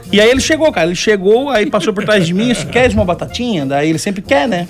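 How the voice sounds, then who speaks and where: A man with a southern Brazilian accent bantering and telling animated anecdotes on a radio panel, acting out the dialogue. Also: high voice, fairly quick. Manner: acts out quoted dialogue. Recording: music playing behind the voice. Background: background music.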